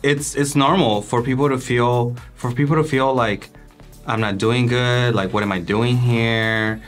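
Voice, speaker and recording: A man's voice: medium pitch, steady tone, a little slow, faint music behind. A young man co-hosting a casual recap chat, rambling and laughing, with many fillers. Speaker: podcast co-host.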